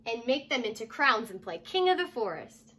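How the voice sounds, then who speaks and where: With a fairly high, bright voice that swings widely in pitch, a young adult woman reads a children's storybook at normal speed. Her tone is forceful with a breathy edge as she explains and asks simple questions, indoors in a furnished room at home.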